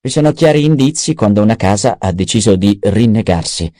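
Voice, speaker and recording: A man's voice: fairly low pitch, lively intonation, brisk, warm tone, dry recording, clean studio sound, lightly acted. A man voicing a cunning, self-satisfied male adviser in an audiobook, eager and precise. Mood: scheming. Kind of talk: audiobook character voice.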